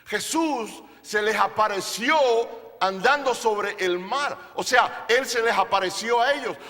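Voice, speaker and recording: During a church service, a pastor with a high, bright, ringing voice delivers an unhurried sermon, heavy on emphasis. He's playful, throwing rhetorical questions at the congregation and joking with them, while a long church-hall reverb trails his words.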